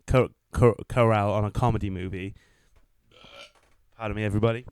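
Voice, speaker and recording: A young man co-hosting a podcast, telling a story in lively casual chat, swearing freely and acting out what people said. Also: lowish voice, fairly quick, smooth, no echo. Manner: animated storyteller, swears freely, acts out quotes. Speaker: podcast co-host.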